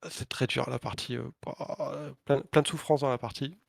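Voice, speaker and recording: A man's voice: mid-range voice, fairly even intonation, moderate pace, creaky, no room sound, clean studio sound. A man co-hosting a podcast, telling a story in casual chat with crude slang, swearing and lots of hesitations. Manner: frequent filler hesitations. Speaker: podcast co-host and competitive player.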